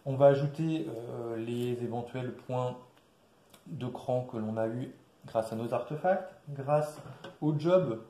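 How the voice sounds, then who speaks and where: A man casually walking through a board game's rules, with many fillers and restarts, recorded quietly in an echoey room. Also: slow pace. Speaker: board game presenter. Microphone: quiet distant mic. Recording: echoey room, low level.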